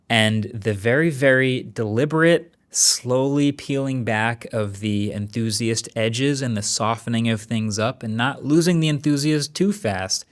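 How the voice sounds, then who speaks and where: A man giving conversational tech commentary as a video reviewer, casual and wryly understated, with deliberate emphasis. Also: medium pitch.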